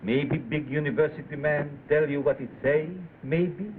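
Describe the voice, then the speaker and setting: A man's voice: fairly high pitch, fairly even intonation, measured pace, close to an everyday voice. A man playing a very old, cagey shopkeeper. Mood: cagey, polite. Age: older. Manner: broken English, cagey, clipped phrases. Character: very old, evasive Chinese herb seller. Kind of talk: 1930s film acting. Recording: tinny, noisy old film soundtrack.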